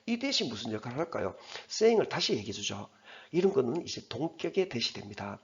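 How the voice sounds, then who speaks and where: A middle-aged man teaching English, explaining slowly and patiently with many fillers and spelling words out letter by letter. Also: medium pitch, sing-song. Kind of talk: lecture on English grammar and vocabulary. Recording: dull lo-fi recording.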